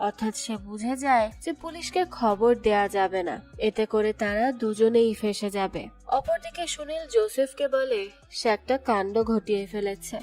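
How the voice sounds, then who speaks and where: A woman narrating a movie plot as a steady, scripted storytelling recap. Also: fairly high pitch, moderate pace. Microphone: voice-over. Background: soft background music.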